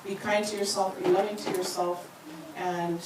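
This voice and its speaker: A woman's voice: medium pitch, level tone, moderate pace. A woman graduate giving an earnest, heartfelt ceremony speech with light self-joking asides. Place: large hall at a graduation ceremony. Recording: echoey hall heard from far off with background noise.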